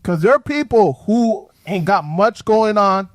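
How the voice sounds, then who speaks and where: A man with a high, lifted voice hosts a reaction show, talking in an animated, emphatic way. His recording is dry and close, with no room sound. He keeps his commentary on the clips casual. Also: measured pace, no echo.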